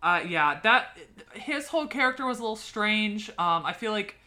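A woman's voice: medium pitch, expressive, normal speed, sharp tone. A woman co-hosting a podcast, chatting casually and rambling with lots of fillers and restarts. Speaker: podcast co-host. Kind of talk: casual chat.

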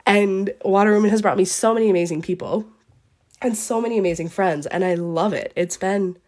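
A woman's voice: mid-range voice, fairly quick, darkish tone. A young woman from eastern Canada hosting a podcast, talking earnestly and at length, her voice sounding sick. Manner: earnest, gushing, rambling. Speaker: podcast host. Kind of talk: heartfelt solo podcast farewell.

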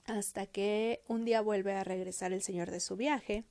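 A woman retelling a story in a chatty, expressive vlog style, with many fillers. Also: mid-range voice, moderate pace, no room sound. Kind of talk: casual storytelling, retelling a cartoon.

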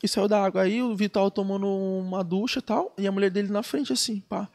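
Brazilian man, podcast guest, high voice, rapid-fire slangy storytelling. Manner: animated, slangy, acts out quoted dialogue. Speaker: guest, pro surfer.

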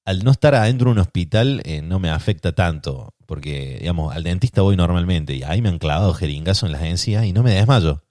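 A man's voice: deep voice, brisk, few pauses, no echo, clean studio sound. A young adult man with a Rioplatense accent telling a self-deprecating personal anecdote on his podcast. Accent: Rioplatense Spanish. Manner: self-deprecating, animated storytelling. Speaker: podcast host.

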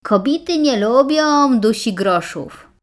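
A woman voicing a bashful country bachelor in a slightly lower voice. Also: lively intonation, takes it slowly.

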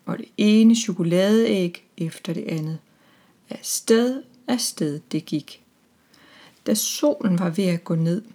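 A woman reading a children's story aloud in a calm, even storytelling manner. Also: mid-range voice.

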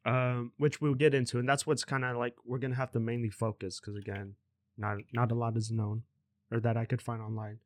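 A man's voice: medium pitch, flat delivery, brisk, dry recording, studio quality. Rambling young man hosting a podcast. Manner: rambling, loose, swears casually. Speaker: podcast host. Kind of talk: casual podcast chat.

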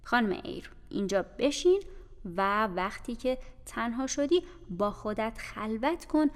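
A woman's voice: fairly high pitch, animated, close to an everyday voice. A woman voicing a stern, disapproving household maid in an audiobook, scolding in a cold manner. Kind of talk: audiobook character voice. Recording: reverberant room with faint music.

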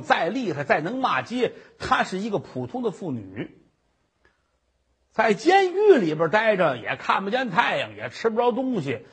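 A male storyteller spinning a traditional tale with dramatic asides. His voice is high and very husky, and his delivery is unhurried and lively. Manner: vivid, dramatic narration with asides. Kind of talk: traditional Chinese storytelling performance.

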